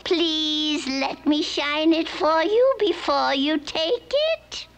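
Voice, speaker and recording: A woman voicing a scheming old sea witch in a vintage cartoon, theatrical and wicked, with a creaky cackle. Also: high-pitched, slow pace, fairly bright tone, full character voice. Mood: falsely sweet. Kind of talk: vintage cartoon villain acting.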